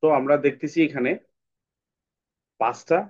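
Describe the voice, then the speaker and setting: A man teaching English pronunciation in an online class, patiently repeating words slowly for drilling. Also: medium pitch, fairly even intonation, a little mellow, lo-fi sound.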